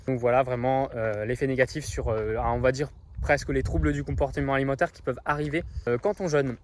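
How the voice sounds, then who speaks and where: A man's voice: medium pitch, steady tone, fairly quick, slight background noise. A man casually explaining things to camera in a vlog, upbeat and full of small fillers. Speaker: fitness vlogger.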